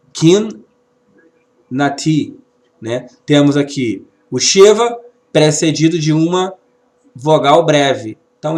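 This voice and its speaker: Male teacher, middle-aged, unhurried classroom explainer, repeats sounds. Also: on the high side. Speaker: Hebrew teacher. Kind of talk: classroom lesson.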